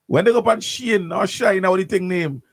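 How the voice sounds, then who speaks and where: A man's voice: high-pitched, brisk, no echo. A man hosting morning radio talk, ranting animatedly with lots of repeats and restarts in a studio. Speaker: radio host.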